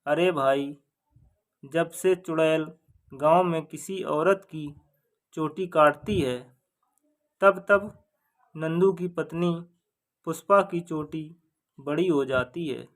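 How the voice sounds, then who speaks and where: A man's voice: fairly high pitch, slow, pauses often, fairly bright tone. A man voicing a gossiping, suspicious villager in a folk story, speculating and accusing.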